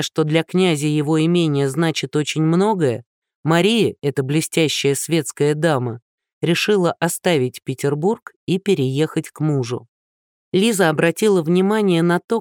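A man narrating an audiobook in an even, measured storytelling manner. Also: on the high side, smooth, dry recording, studio quality. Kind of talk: scripted narration.

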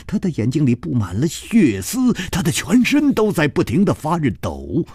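A man narrating a martial-arts novel as a radio storyteller, with a dramatic, highly varied delivery. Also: a little mellow, slightly rough, no echo, studio quality.

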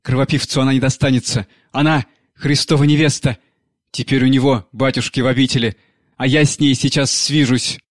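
A man's voice: mid-range voice, steady tone, brisk, no echo, close to an everyday voice. A crazed old nanny, murderous and grieving, wails and rants in a raised, frantic voice, as a male narrator puts her on. The recording is dry and close, with no room sound. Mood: ecstatic. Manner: raised, frantic, wailing pleas.

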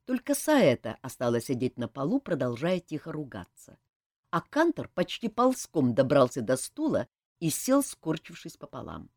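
Low-voiced woman narrating an audiobook. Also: wildly swooping pitch, moderate pace, a little mellow, no echo, studio quality. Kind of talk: scripted narration.

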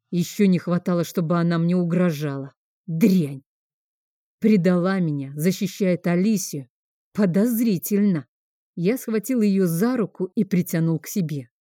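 A woman reads a first-person audiobook in a steady, somber manner. Her voice is low-set and mellow. The recording is close and dry. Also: no echo. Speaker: audiobook narrator.

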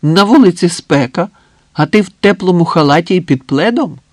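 A woman's voice: lowish voice, lively intonation, moderate pace, no echo, voice pushed up. A man doing a bubbly, teasing young woman. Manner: playful, bubbly, bossy banter. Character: cheerful teasing young woman, lively friend.

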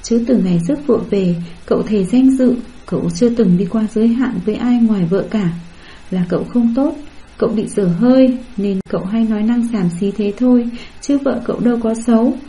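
A woman's voice: on the high side, fairly quick, mellow, natural voice, poor audio. Woman reading as a pleading young husband. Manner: coaxing and pleading. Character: remorseful young husband pleading with his wife.

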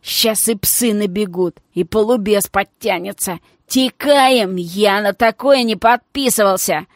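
A grumbling, jittery thug , acted by a woman narrator mutters in slang, eager to flee. His lines are loud and close. The reading has no echo. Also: mid-range voice, measured pace, lightly acted. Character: grumbling, scared male thug.

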